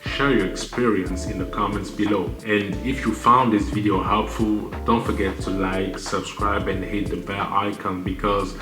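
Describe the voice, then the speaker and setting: A man in his thirties from Cameroon, giving measured list-style advice to his channel audience with the odd filler. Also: on the low side, steady tone. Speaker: channel host. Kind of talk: scripted commentary to camera. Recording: roomy echo with music bed.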